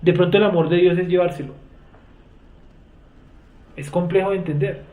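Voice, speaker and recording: A man's voice: sits high, fairly even intonation, normal speed. A man teaching a Bible study class, explaining word meanings and often putting questions to his students. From Colombia. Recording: echoey room, tinny phone-like sound.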